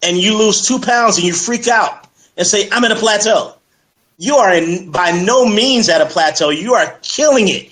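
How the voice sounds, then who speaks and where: A man speaking as a fitness coach in a casual interview, energetic and persuasive, with many fillers like "you know". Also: high-pitched, normal speed, low-quality recording. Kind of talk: casual interview on a live stream.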